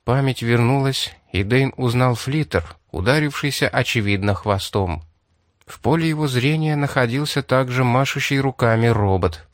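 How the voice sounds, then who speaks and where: A male narrator reads the chapter in a steady, measured way. His voice sits at an ordinary middle pitch. The sound is dry and close, with no room around it. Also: no echo. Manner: even, measured reading. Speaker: audiobook narrator. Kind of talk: scripted narration.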